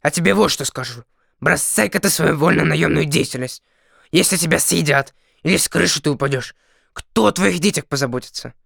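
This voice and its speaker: A man voicing a sly, good-humored male dragon in a storybook reading, talking in a mocking, lively way. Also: a little high, brisk, gravelly, no echo, studio quality, exaggerated voice.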